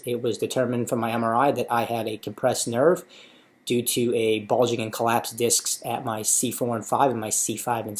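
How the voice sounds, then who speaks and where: A man in his thirties with an American accent, talking casually and matter-of-factly in an informative personal video diary. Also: mid-range voice. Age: 30s. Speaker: patient sharing his surgery experience.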